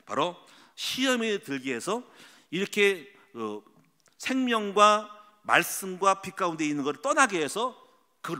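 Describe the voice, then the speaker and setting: A middle-aged man preaches in a long, ringing church hall. His voice runs fairly high and bright, with a sharp edge. It swings up and down a lot as he tells stories and drops into quoted voices. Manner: lively storytelling, acts out quoted voices. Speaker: pastor. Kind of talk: sermon. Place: church sanctuary.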